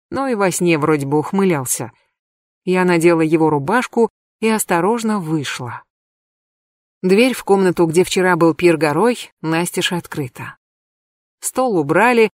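A woman narrating a novel in the first person with a wry, lively storytelling manner. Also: lowish voice, dry recording, studio quality. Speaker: audiobook narrator.

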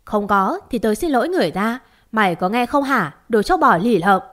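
A woman reading a storybook who voices a domineering older mistress of the house, scolding and yelling. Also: fairly high pitch, lively intonation, a little fast. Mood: furious.

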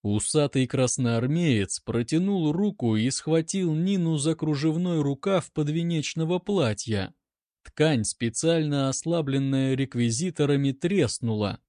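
A man reads a story aloud in a slightly high voice, expressive and wry. The recording is dry and close, with no room echo. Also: a little slow. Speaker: narrator. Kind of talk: storybook narration.

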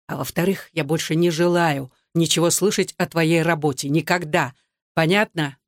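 Reader doing a drunk soldier husband, audiobook, angry, harsh, menacing, dry close sound. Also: male voice, a little high, fairly even intonation, normal speed, no echo, close to an everyday voice. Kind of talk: audiobook dialogue.

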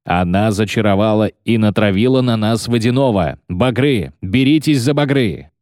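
A man voicing a calm, grim witcher who warns the crew. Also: fairly low pitch, normal speed, no echo, clean studio sound, natural voice.

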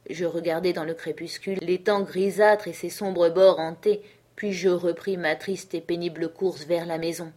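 A woman narrating a literary audiobook in a measured, earnest storytelling manner. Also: fairly low pitch, darkish tone. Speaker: audiobook reader.

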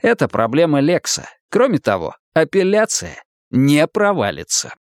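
A man's voice: fairly high pitch, very animated, moderate pace, no room sound, clean studio sound. A man voicing a brash, profane, pushy middle-aged ex-cop who talks in a coarse, swaggering way. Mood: dismissive.

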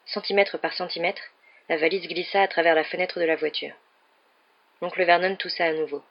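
A steady audiobook narrator reads a children's story with calm, measured pacing. The voice sits in a middle range. The recording sounds a little dull and lo-fi. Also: medium pitch. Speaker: audiobook reader. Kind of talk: scripted narration.

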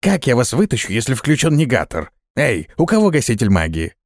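A man voicing an irritable male mage who answers in a low, snappish whisper. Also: wildly swooping pitch, fairly quick, dry recording, clean studio sound. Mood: exasperated. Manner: hushed and snappish.

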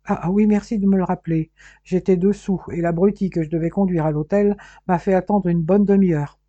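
A woman's voice: fairly low pitch, steady tone, brisk, dark tone, dry recording, lightly acted. A woman doing a shy, smitten young man. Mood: reluctant. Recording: dull, muffled dry recording.

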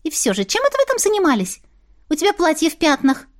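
A woman's voice: high voice, huge pitch swings, fast, no echo, studio quality, pitched above the performer's own voice. A woman voicing a sly, mocking young female otter spirit in an audiobook. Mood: teasing. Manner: mocking, snippy.

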